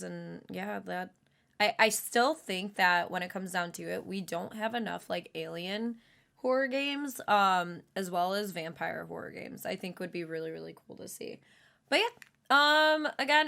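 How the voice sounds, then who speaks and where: A woman giving casual, easily spooked reaction commentary as a horror game streamer, with a creaky voice. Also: on the low side, bright, forceful tone.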